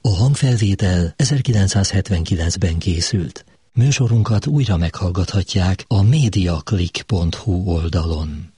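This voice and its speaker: A man reading radio programme credits in a formal, measured way. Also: low voice, animated, dark tone, slightly rough, dry recording, clean studio sound. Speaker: radio announcer. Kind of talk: scripted broadcast credits.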